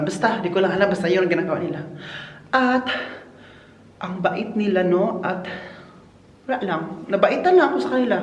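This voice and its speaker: A man's voice: high-pitched, highs cut off. Man vlogger at work, gossipy and giggly, roomy echo on a handheld phone. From Philippines. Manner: gossipy and giggly, laughing often. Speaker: vlogger working at a hotel. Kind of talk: casual chatty vlog. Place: indoors in a hotel.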